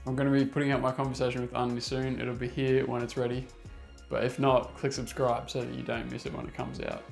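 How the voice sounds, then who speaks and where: Speaking straight to camera, this native English-speaking man has a gravelly, medium-pitched voice. His casual vlog about picking up a new language is cheerful and pokes fun at himself.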